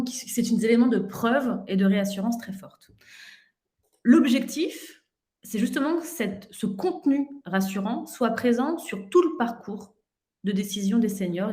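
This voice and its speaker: A woman's voice: mid-range voice, a little mellow, echoey room. A woman giving an expo conference talk, fluent but with frequent fillers and restarts. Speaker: conference speaker. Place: conference hall.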